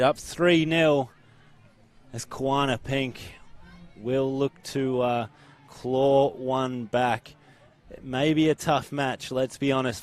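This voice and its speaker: Brief: Australian male play-by-play caller, upbeat, mid-pitched, reading names and numbers live at a ground. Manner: upbeat, calls players by number and name. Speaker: play-by-play commentator. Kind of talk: live sports commentary. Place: outdoor sports ground.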